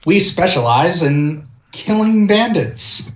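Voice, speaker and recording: A haughty noblewoman adventurer played by a woman in a tabletop game, imperious and dismissive. She speaks slowly and bluntly, with roomy echo around the voice. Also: fairly low pitch, lively intonation. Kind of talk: tabletop role-play.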